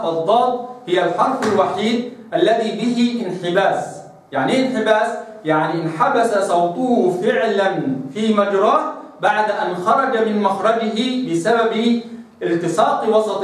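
A man teaching the pronunciation of Arabic letters for Quran recitation, explaining step by step and slowly demonstrating the sounds. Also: sits high, far from the mic. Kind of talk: tajweed phonetics lesson. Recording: echoey room, voice somewhat off-mic.

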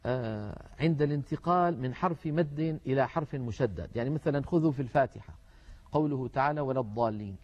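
A man giving a televised Quran recitation lesson, explaining calmly and drawing out example words slowly. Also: fairly high pitch, muffled recording.

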